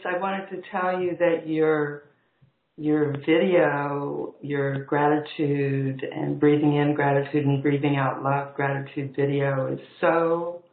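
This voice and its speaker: A man calling in over an internet video call, sounding like he is in a cave, speaking earnestly and giving practical advice. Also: fairly high pitch. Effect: cave-like echo on the voice. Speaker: call-in participant. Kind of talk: casual conversation. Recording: echoey, tinny internet call line.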